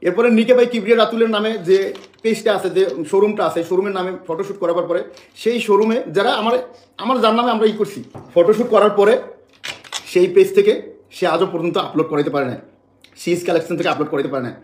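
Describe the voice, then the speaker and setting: A man's voice: high voice, fast talker, echoey room. A man from Bangladesh making an emotional public statement to the press, agitated and repeating phrases over and over.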